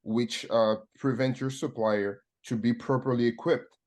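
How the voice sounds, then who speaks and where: A man with a French accent, a supply chain consultant speaking as a webinar guest, measured and halting with many fillers. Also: mid-range voice, steady tone, a little mellow. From France.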